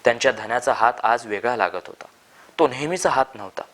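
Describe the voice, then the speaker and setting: A man reads a short story aloud, steady and measured. His pitch sits in an ordinary middle range.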